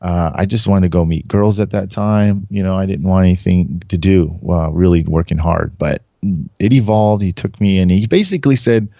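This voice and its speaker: A man's voice: low-pitched, moderate pace, gravelly, mellow, dry recording, lo-fi sound. A man in his forties from Southern California, a podcast guest who rambles through stories, laughs often and acts out what people said. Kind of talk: casual storytelling.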